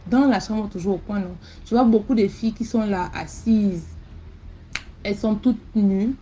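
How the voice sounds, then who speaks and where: At a moderate pace, a mid-range female voice describes a mystical event she lived through, animated, repetitive and full of sound words. Slight background noise sits under a slightly dull-sounding recording.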